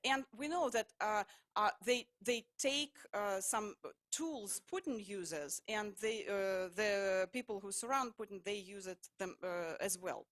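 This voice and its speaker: Give me a woman giving a public talk in a halting voice of middling pitch, pausing and restarting often. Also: a bit bright. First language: Russian. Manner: halting, full of hesitations and restarts. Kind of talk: lecture-style public talk.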